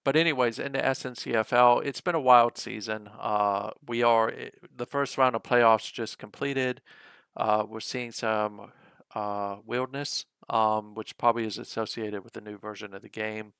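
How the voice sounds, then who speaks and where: A man with a hoarse, gravelly voice from being ill, hosting a casual recap of a simulated football league and talking loosely with frequent hesitations. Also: fairly low pitch, steady tone, moderate pace, fairly bright tone, dry recording.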